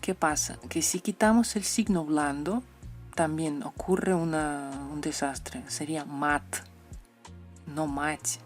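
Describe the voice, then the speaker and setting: A Russian language teacher with a deep-ish female voice explains letters and how they're pronounced, with soft music playing behind her. She says example sounds slowly, over and over, and adds playful asides.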